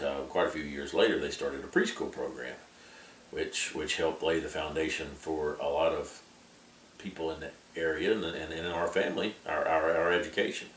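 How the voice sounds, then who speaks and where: A man casually recalls his childhood, repeating words as he feels his way along. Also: very deep voice. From Appalachian Tennessee, US. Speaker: interviewee sharing memories. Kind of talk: casual oral-history recollection. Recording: echoey room, distant mic, background noise.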